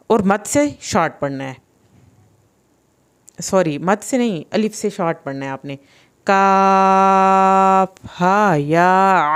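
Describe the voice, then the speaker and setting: Clear-voiced woman teaching Quran recitation. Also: on the high side. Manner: patient, explanatory, drawing out letter sounds slowly. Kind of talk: tajweed lesson.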